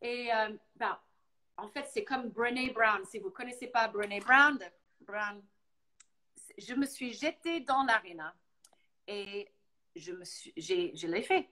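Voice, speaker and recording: A woman from Boston with an American English accent, talking casually as a guest and telling stories in lively fashion, slipping into English now and then. English is her first language. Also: fairly high pitch, slow, long pauses, low-quality recording. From Boston, United States. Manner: animated storyteller, mixing in English words. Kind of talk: casual live talk.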